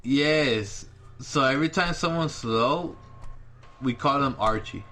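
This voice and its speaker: Young man, podcast co-host, casual chat, middle-pitched voice, animated storyteller. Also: slow pace. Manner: animated storyteller, exaggerates for laughs.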